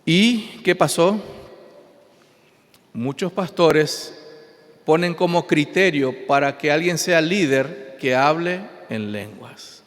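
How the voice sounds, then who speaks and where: A man's voice: a little high, animated, slow. A pastor preaching an emphatic sermon, his voice rising and falling. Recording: long hall reverb.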